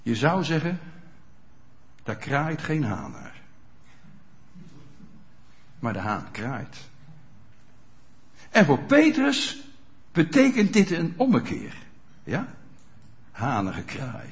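A male preacher gives a chatty sermon, often stopping to check that listeners follow. His voice is a bit high, with a lively, swinging pitch. The recording sounds muffled and lo-fi. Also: slow pace, long pauses. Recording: dull lo-fi sound.

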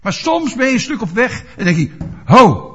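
A man's voice: very high-pitched, sing-song, fairly quick, a bit bright, slightly rough. A male preacher giving a sermon, asking his listeners rhetorical questions and explaining scripture with everyday examples. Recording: dull lo-fi recording.

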